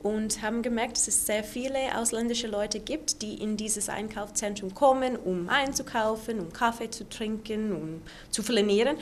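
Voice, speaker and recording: A woman's voice: on the high side, normal speed, hardly any pauses, slight background noise. A woman who leads an integration project, explaining its idea in an interview with some fillers. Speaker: project leader. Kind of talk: interview answers.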